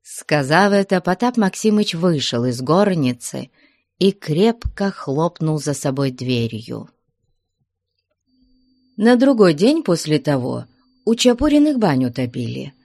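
A woman reading a classic novel aloud as audiobook narrator, measured and steady. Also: deep voice, no echo. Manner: measured storytelling. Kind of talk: scripted narration.

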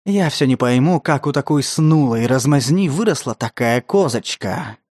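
A man voicing a lecherous, menacing older stepfather who talks in a wheedling, breathy way. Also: medium pitch, expressive, moderate pace, darkish tone, no echo, studio quality, natural voice. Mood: leering. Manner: wheedling, breathy, then snarling.

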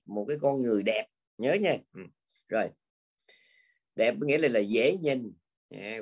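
An older man gives a dharma talk, teaching Buddhism in an easy, conversational style. His husky voice sits at an ordinary middle pitch, and he often checks in with listeners using short tag words while explaining.

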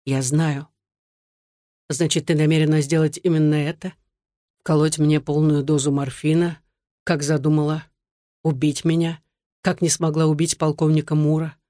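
An audiobook reader voicing a weary man on the run who speaks quietly and soothingly. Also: fairly high pitch, level tone, moderate pace, pauses often, dry recording, studio quality, natural voice. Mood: bitter.

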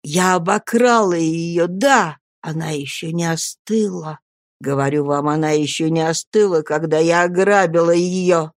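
Hoarse dying old woman, voiced by a woman, faint, slow, low-pitched, guilt-ridden, storybook reading. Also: no room sound, studio quality, natural voice. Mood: weak, confessing. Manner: slow, drawn-out confession.

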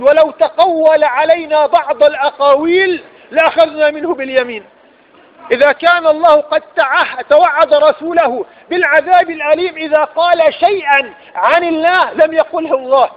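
A man with an Egyptian accent giving a religious lecture, often asking rhetorical questions and repeating his points for emphasis. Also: extremely high pitch. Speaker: preacher. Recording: dull lo-fi recording.

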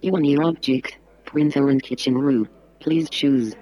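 A male text-to-speech voice with a flat robotic monotone, reading out short, clipped phrases. It sits at an ordinary middle pitch for a man and sounds plainly synthetic. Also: a little slow. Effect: synthetic computer voice, flat robotic monotone. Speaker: navigation aid for blind users.

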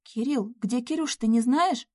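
A woman's voice: sits high, lively intonation, normal speed, a little mellow, no echo, voice pushed up. A woman voicing a sobbing, pleading young woman. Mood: distraught pleading. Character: tearful young woman begging over her lost cat.

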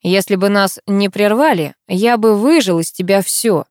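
A woman's voice: mid-range voice, moderate pace, a little mellow, no room sound, studio quality, natural voice. Woman voicing a stern male colonel. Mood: menacing. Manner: firm, clipped, insistent. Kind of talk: audiobook character voice.

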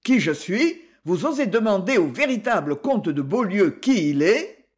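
A man's voice: high voice, big pitch swings, a little slow. A man reading a furious chained nobleman prisoner.

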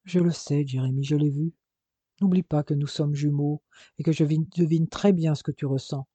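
A man's voice: on the high side, fairly even intonation, moderate pace, warm tone, breathy edge, dry recording. A man voicing a young man crippled after an accident, grave and bitter, in an audiobook.

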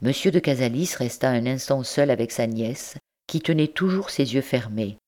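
A woman reading a classic novel aloud for an audiobook. Her narration is measured and even. It is scripted, steady storytelling. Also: a bass voice. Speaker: audiobook reader.

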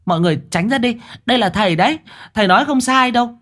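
A man voicing a brash, nosy middle-aged village woman in a spoken ghost story, chattering in a raised, high voice. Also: lively intonation, fast talker, fairly bright tone. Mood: fussing.

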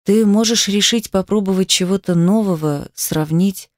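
A woman voicing a tender, brooding young stepbrother in a murmuring, lowered voice, in a romance audiobook. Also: moderate pace, a little mellow, no room sound, studio quality, natural voice.

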